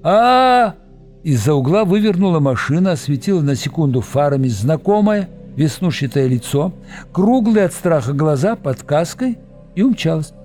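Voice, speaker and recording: A man narrating a novel as an audiobook with expressive storytelling. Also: a little high, moderate pace, faint music behind.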